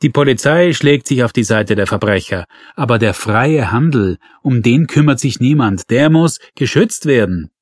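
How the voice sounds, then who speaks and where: A man's voice: medium pitch, expressive, a little slow, no echo, studio quality. A man voicing an irate, blustering male shop owner who complains indignantly.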